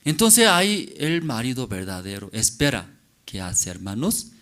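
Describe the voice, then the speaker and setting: A man preaching a sermon in a church, telling a story and asking the congregation rhetorical questions, with halting non-native phrasing. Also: medium pitch, big pitch swings, a bit bright. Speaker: pastor.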